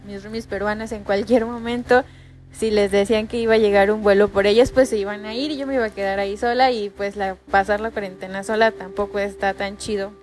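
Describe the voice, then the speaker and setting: A woman's voice: medium pitch, steady tone, brisk, a little mellow, soft background music. A young Mexican woman with a Mexican accent telling a personal story in a casual, chatty way, full of fillers. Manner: chatty, many fillers like pues and ya. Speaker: podcast host.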